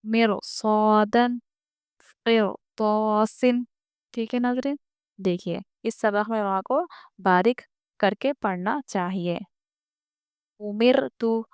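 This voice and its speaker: A woman teaching a beginner lesson on reading the Quran, patient and repetitive, drawing out example words slowly. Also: medium pitch, clear, resonant tone, no room sound, clean studio sound. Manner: patient, repeats each rule, draws out example words slowly.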